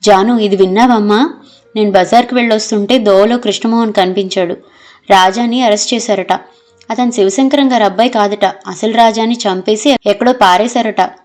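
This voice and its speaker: An elderly man, shaken himself, gently tries to console a grieving friend in a storybook reading. A woman narrator voices him in close to her own medium-pitched voice. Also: moderate pace, faint music behind, natural voice. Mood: alarmed.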